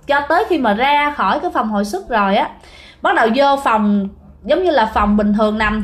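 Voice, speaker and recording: A woman telling ghost stories in a chatty way, often speaking straight to her listeners. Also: fairly high pitch. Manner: chatty, keeps addressing listeners directly. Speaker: ghost story narrator. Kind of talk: casual spoken storytelling.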